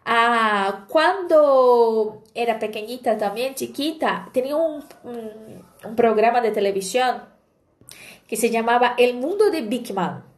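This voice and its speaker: High-voiced woman teaching casually. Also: expressive, slow pace. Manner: chatty, explaining with anecdotes and frequent "¿bien?". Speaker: language teacher. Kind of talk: online language lesson.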